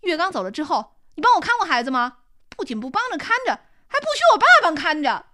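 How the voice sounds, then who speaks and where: A woman's voice: high voice, wildly swooping pitch, a bit bright, no room sound, clean studio sound, full character voice. A woman reading an audiobook, voicing a bitter young woman who argues defensively with her mother. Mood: indignant. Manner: indignant, complaining, quick.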